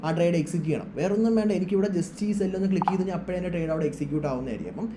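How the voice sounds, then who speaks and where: Speaking in a high, rapid-fire voice over a noisy background, a man walks viewers through trading on a screen share. His instruction is informal and sprinkled with English terms.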